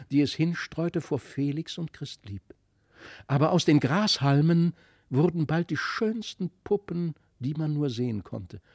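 A man narrating a fairy tale in a studio with expressive, lively storytelling. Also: on the high side, no room sound. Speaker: audiobook narrator.

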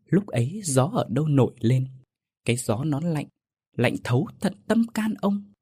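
A man narrates a ghost story, dramatic and expressive. His voice is husky and swings widely in pitch. The recording is close and dry. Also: moderate pace, dry recording.

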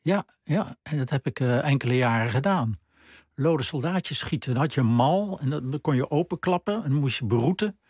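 An older man, an author, talking about his childhood and reading aloud from his own book on the radio, calm and reflective. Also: medium pitch, brisk, slightly rough, no echo, studio quality. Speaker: author guest.

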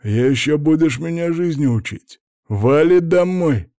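A man's voice: on the high side, moderate pace, a little mellow, no room sound, studio quality, pitched above the performer's own voice, natural voice. A man doing a burly, snarling, hungover neighbour. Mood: furious. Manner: snarling, rude. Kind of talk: audiobook character voice.

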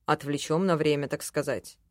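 A woman voicing a calm, sardonic adult male elf in an audiobook, with a dry, measured delivery. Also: sits low, no room sound, voice pushed down, lightly acted. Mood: musing. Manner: dry, measured, mildly mocking. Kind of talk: audiobook character voice.

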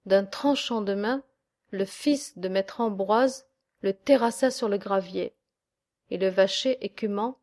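A woman reading a classic verse tale aloud as an audiobook narrator, measured and deliberate. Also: mid-range voice, a little mellow. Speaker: audiobook reader.

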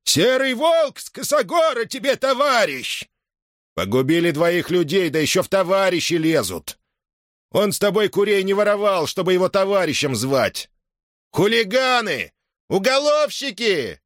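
A man reading an audiobook, voicing an agitated old Cossack man who shouts with a voice breaking with emotion. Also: fairly high pitch, sing-song, fairly quick, no echo, studio quality, voice pushed up. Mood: indignant.

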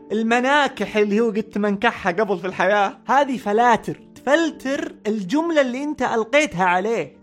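Fast, emphatic Saudi man explaining a book. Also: sits high. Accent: Saudi Arabic. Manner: lively, emphatic, addresses the listener directly as a friend. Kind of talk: animated book summary talk.

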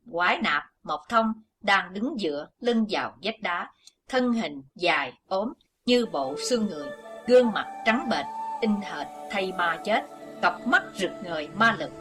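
A woman narrating a martial arts novel as an audiobook, with a steady, dramatic reading. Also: medium pitch, slightly rough. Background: background music.

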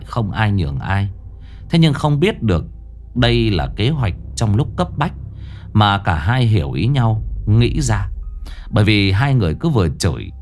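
Animated low-voiced male storyteller. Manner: animated, expressive. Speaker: ghost story narrator. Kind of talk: storytelling narration.

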